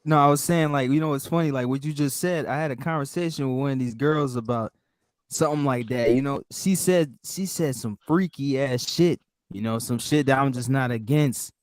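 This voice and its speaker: A man chatting casually in slang, halting and repeating himself, with lots of bro and you know. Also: mid-range voice, no echo, studio quality. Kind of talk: casual group chat.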